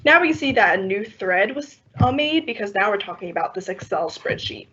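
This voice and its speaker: A young woman who trains workshop teachers walks through a software demo step by step on an online call. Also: mid-range voice, brisk. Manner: steady step-by-step explaining with soft laughs. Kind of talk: screen-share software demo. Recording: slightly muffled online call audio with faint noise.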